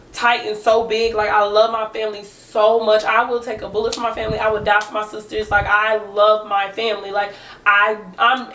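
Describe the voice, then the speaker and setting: A young woman vlogger telling a story in an animated, chatty way, talking straight to her viewers. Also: fairly high pitch, distant mic. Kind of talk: casual storytime chat. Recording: roomy echo, speaker away from the mic.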